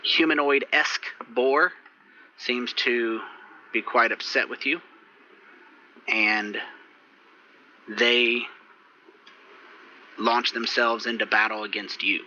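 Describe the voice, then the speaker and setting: Bright-voiced man running a tabletop game. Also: mid-range voice, slow, long pauses, lo-fi sound, slight background noise. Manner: relaxed, rambling with fillers and restarts. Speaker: game master.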